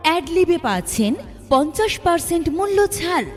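A high-voiced woman calls out an advertisement in a loud, stretched loudspeaker style. Her words ring with a long, hall-like echo, and music plays faintly underneath. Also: very animated. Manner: loud, drawn-out announcing. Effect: echoing loudspeaker-style announcement sound. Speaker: advertisement announcer.

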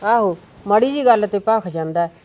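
An actress playing a patient village aunt, who keeps smoothing things over. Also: female voice, mid-range voice, lively intonation, normal speed, lightly acted. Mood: placating. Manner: placating, keeps saying it's alright. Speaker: aunt of the family. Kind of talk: rural comedy-drama acting. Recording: slightly dull lo-fi sound.

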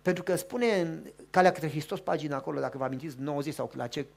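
A pastor, a man, preaching in a lively, colloquial storytelling way, acting out the dialogue. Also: on the high side, creaky. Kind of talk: storytelling sermon.

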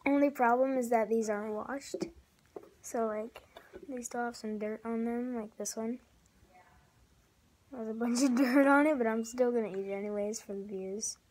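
A young woman hosts her own casual homemade vlog from off camera, her face never shown, rambling and giggling with plenty of "likes" and "ums." Her fairly high, somewhat dark voice stays steady at a moderate pace.

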